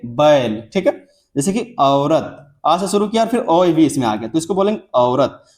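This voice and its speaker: A man's voice: sits high, darkish tone. A young man teaching a lecture, repeating points and drawing out example words, often checking in with his students. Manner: repetitive, drawn-out example words with frequent checks like "theek hai". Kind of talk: classroom lecture.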